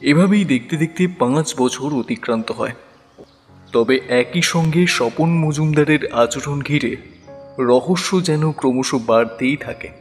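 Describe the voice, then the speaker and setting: Brief: male drama narrator, measured delivery, reverberant with faint music. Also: mid-range voice. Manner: measured storytelling.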